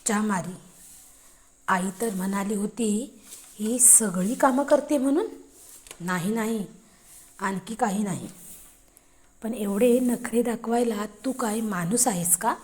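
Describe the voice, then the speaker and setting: A woman's voice: mid-range voice, slow, long pauses, a little mellow, close to an everyday voice. Woman playing a teasing young man.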